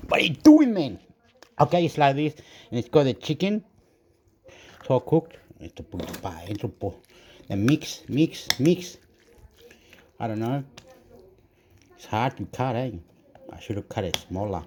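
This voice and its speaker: A man's voice: mid-range voice, very animated, unhurried, pauses often, noisy background. Rambling Chilean-accented man vlogging his cooking. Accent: Chilean Spanish. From southern Chile. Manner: rambling, switches between English and Spanish. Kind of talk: casual cooking vlog with pep talk. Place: home kitchen.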